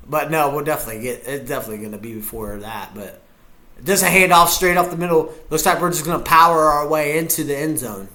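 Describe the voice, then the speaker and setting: Fairly quick and sharp-toned, this slightly high male voice belongs to a streamer watching football. He chats goofily with viewers in a casual live reaction.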